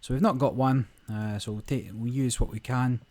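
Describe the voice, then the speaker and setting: This man, who runs a gaming channel, rambles easily through a card game, filling his casual commentary with lots of fillers. He speaks at a moderate pace in a mid-range voice that's a little croaky.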